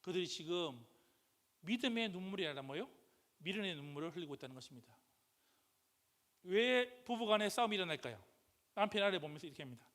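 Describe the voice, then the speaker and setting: A man preaching a sermon as pastor, questioning the congregation call-and-response style and rising to loud, impassioned outbursts. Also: high voice, animated, fast, long pauses. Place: church sanctuary. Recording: church hall reverb.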